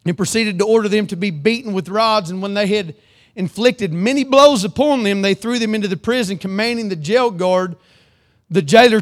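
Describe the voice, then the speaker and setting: Here a preacher alternates forceful, loud declarations with quiet, earnest passages. He reads scripture aloud in his sermon and calls out for amens.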